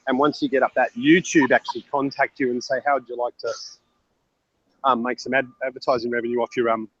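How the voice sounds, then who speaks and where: A man's voice: medium pitch, level tone, fast, a bit bright, no room sound. An Australian man, a yowie researcher, chatting bluntly and swearing freely while telling stories from an airport lounge. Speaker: yowie researcher and group admin. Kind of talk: casual online hangout chat. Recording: lo-fi call audio.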